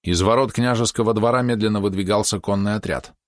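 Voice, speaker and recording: A male audiobook narrator with a low voice and a steady, even storytelling delivery. The sound is dry and close, with no room echo. He reads with scripted care. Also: fast talker.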